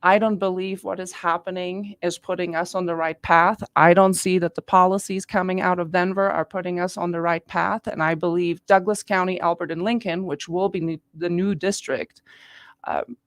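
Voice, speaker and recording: A middle-aged woman from Austria, a guest giving earnest, measured answers in a radio interview in the studio. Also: fairly low pitch, fairly even intonation, dry recording. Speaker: guest, district attorney candidate.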